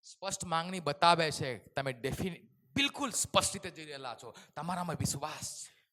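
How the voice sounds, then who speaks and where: A fervent male pastor delivers a sermon in a lively, swinging voice that is very sharp and penetrating. He moves between soft, low phrases and full shouts, sprinkling English words into his preaching. The sound rings with the long reverb of a large hall. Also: fairly quick.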